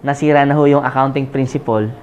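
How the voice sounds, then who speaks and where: A man's voice: medium pitch, fairly even intonation, brisk, a little mellow, slight background noise. A man in his forties giving a live seminar talk, joking and often asking the audience to agree. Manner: conversational, asks the crowd "Tama?" often; jokes and laughs while telling his story. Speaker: motivational speaker.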